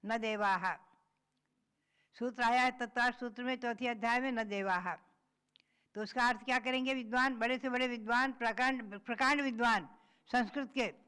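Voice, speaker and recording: Smooth-voiced woman teaching scripture. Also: a little high, a bit bright. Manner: patient teacher, recites verses then explains them. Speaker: Jain nun giving a scripture discourse. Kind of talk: religious discourse.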